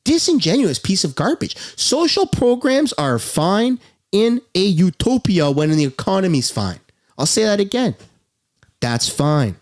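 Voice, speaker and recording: A man's voice: sits high, sing-song, unhurried. A man in his thirties giving angry, sarcastic reaction commentary, swearing and switching between outbursts and mutters. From Canada. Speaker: political commentator.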